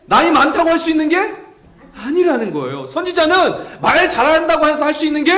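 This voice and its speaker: A male pastor delivers a Sunday sermon with a high voice that swoops over a wide range. He preaches in an animated way, asking his congregation questions, and his voice rings through a roomy church hall. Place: church sanctuary.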